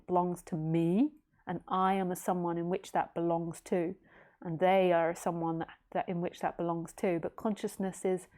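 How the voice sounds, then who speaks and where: A woman's voice: fairly low pitch, dark tone. A woman in her late thirties, a spiritual teacher giving a casual philosophical talk in a rambling, easygoing way with jokey asides. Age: late 30s.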